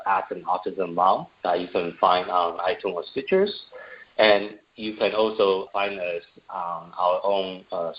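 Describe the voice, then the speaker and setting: A very low-voiced man from Taiwan, a guest who is an entrepreneur and parent, answers interview questions earnestly, often pausing on fillers. The audio is dull and somewhat lo-fi.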